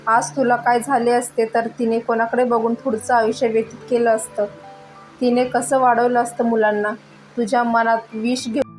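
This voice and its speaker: A woman's voice: a little high, lightly acted. A woman voicing a stern aging father-in-law who scolds his son-in-law in a spoken story. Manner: plain, steady reading.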